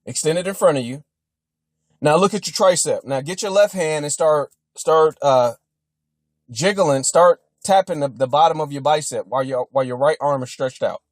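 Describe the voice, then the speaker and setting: A young man tears into his viewers in a blunt, mocking rant, swearing nearly every line. His voice sits high for a man. The sound is dry and close, with no room around it. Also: moderate pace, no echo. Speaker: fitness vlogger. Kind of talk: profane motivational rant.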